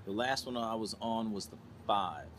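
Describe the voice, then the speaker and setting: Lowish guy guesting on a podcast, jokey and easygoing, faint hum behind. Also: normal speed, fairly bright tone. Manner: joking, easygoing banter. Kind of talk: casual podcast chat.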